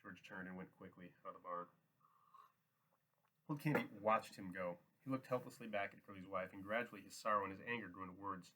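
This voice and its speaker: A man reading a novel aloud as a steady, plain audiobook narrator. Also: low voice, fairly quick, rough recording. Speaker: audiobook reader. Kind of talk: scripted narration.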